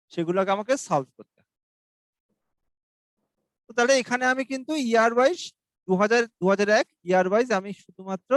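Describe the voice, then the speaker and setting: A male mathematics teacher giving an exam-prep lesson, explaining each step slowly and reading questions aloud. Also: high voice, no room sound, poor audio. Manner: asks students for doubts.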